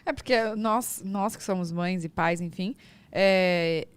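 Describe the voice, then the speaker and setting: A woman's voice: on the low side, slow, smooth. A woman and mother hosting a podcast, chatting casually, agreeing and asking questions. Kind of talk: casual chat.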